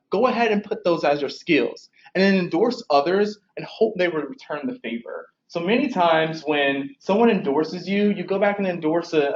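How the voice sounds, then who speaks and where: With braces slightly affecting his speech, a young man presents informal career advice, chatty in tone and frequently restating his points. His voice sits on the high side, and the dull, lo-fi recording has an echoey room sound.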